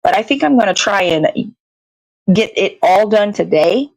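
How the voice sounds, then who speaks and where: On a laid-back livestream, a woman with a gravelly, darkish mid-range voice rambles in an animated but unhurried way. She often searches for words and swears casually, and the poor-quality audio has no room sound.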